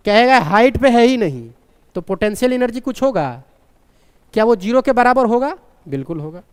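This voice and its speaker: Man teaching physics, high clear voice, keeps quizzing the class, big room with long echo. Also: big pitch swings, moderate pace. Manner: questioning, repeats key points. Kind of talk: live online physics class. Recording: long reverb from a large room.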